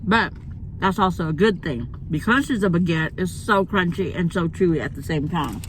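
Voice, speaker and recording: A woman's voice: fairly low pitch, moderate pace. Woman chatting while chewing, in a parked car. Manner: chewing while talking, savoring mm sounds. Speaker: food vlogger hosting a mukbang. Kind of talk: casual chat to viewers while eating. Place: inside a parked car in a parking lot at night. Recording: noisy car interior ambience.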